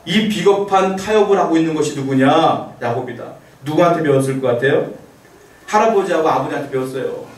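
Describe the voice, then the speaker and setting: A man's voice: fairly high pitch, fairly quick, echoey room, recorded from a distance, poor audio. A male pastor preaching a sermon in a conversational way, asking the congregation rhetorical questions and acting out the quotes he tells.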